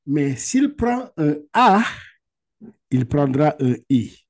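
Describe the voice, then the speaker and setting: Very animated, with a fairly high pitch and a darkish tone, a man teaches Quran reading via video call. He slowly draws out Arabic words for his students to repeat, explains patiently step by step, and often checks with "ok?"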